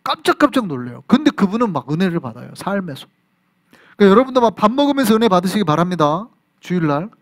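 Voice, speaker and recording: Animated high-voiced Korean pastor preaching. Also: male voice, quick pace. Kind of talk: sermon. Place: church sanctuary.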